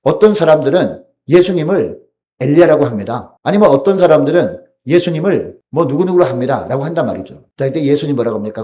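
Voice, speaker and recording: Mellow-voiced young man preaching. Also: mid-range voice. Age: young adult. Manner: addresses the congregation with many rhetorical questions. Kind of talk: sermon and closing prayer.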